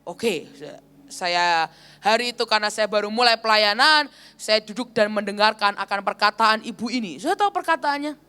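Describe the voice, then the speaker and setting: A woman's voice: medium pitch, moderate pace, pushed and bright, clear, resonant tone. A woman evangelist preaching a sermon at a church service, telling a story and often addressing the congregation directly.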